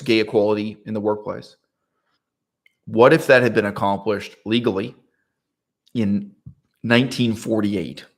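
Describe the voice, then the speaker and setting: Speaking in a voice on the low side, a political commentator works through a political subject in an easygoing monologue. His delivery is animated and rhetorical, peppered with "right?" and bursts of laughter in the middle of sentences.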